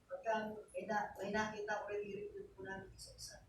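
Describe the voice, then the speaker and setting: Filipino pastor preaching in an echoey hall. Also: male voice, high-pitched, big pitch swings, moderate pace, gravelly. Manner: storytelling, mixing Tagalog and English, frequent "diba?". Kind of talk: sermon. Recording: echoey, distant church recording with noise.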